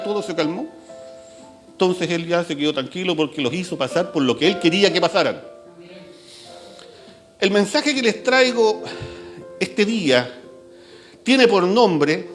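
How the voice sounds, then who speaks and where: A man preaching a sermon in a church. He reads scripture aloud in an animated way and jokes with the congregation. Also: sits high.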